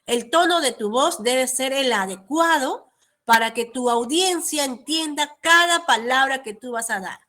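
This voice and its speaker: A woman's voice: high voice, lively intonation, a little slow, bright, forceful tone. A young adult woman teaching a class, explaining step by step and often checking in with tag questions. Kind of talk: online class lecture.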